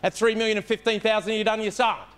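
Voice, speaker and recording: High-pitched, rapid-fire male auctioneer. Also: little pitch movement, fairly bright tone, smooth. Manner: repetitive rapid-fire chant of bid figures; urging, addressing the room directly. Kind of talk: live auction bid calling.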